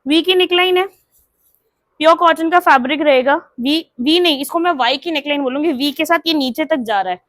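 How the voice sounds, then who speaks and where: A woman's voice: high-pitched, brisk, a bit bright, dry recording. A woman showing and selling women's suits in a chatty sales talk, mixing English words into her speech. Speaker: clothing seller. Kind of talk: product showcase sales talk.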